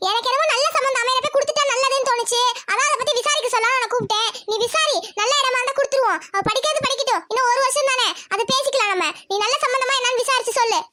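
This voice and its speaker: A woman's voice: extremely high pitch, racing, hardly any pauses, pushed and bright. A woman voicing a suspicious, scolding village mother. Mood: firm. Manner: scolding, suspicious, rural Tamil speech. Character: anxious strict village mother, middle-aged woman. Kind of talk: cartoon voice acting.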